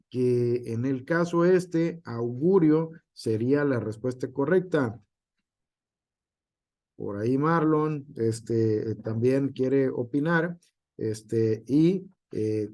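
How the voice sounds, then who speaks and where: Slow male teacher. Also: mid-range voice, a little mellow. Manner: slow, spells out example words one by one; frequent fillers and tag question. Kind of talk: online class lecture.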